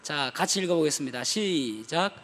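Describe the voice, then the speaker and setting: A man preaching a sermon as pastor, animated, with humorous asides to the congregation. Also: on the high side, moderate pace. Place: church sanctuary. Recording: long church hall reverb.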